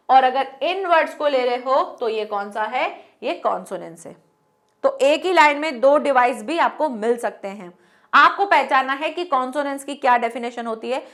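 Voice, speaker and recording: A woman teacher with an Indian accent and a high voice, talking students through poetic devices. She keeps asking questions and answering them herself. She says the example words slowly and more than once. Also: a bit bright. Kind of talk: classroom lesson explaining poetry.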